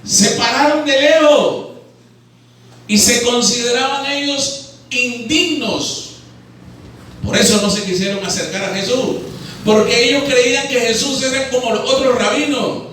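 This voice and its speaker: A man's voice: very high-pitched, measured pace, a bit bright, a little hiss or hum. A man with a Nicaraguan accent preaching a Sunday sermon and firing questions at his congregation. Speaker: pastor. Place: church hall. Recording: very echoey hall, voice from far off.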